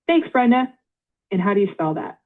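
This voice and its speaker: A woman's voice: mid-range voice, sing-song. Automated phone-line woman's voice, tinny. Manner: polite, measured, reads back details. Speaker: AI phone intake agent. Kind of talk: scripted automated phone prompts.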